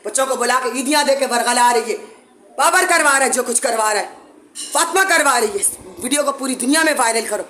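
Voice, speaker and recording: Woman, high voice, urgent accusing appeal, echoey room at home. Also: fast talker, sharp tone, slight background noise. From Pakistan. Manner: urgent, accusing, repetitive pleading. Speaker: mother making a public appeal. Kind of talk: impassioned complaint to camera. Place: her home, indoors.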